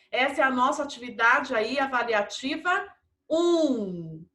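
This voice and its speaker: A Brazilian woman teaching Spanish vocabulary to children, slowly repeating each word and its translation. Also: high voice, fairly bright tone, reverberant. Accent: Brazilian Portuguese. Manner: slow, repeats each word in two languages. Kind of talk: online vocabulary lesson for children.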